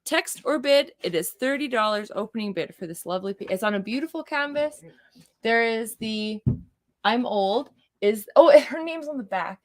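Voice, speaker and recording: A woman's voice: on the high side, animated, moderate pace, no echo, clean studio sound. A woman hosting a live auction, chatting casually in an effusive, exclamatory way. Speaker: auction host.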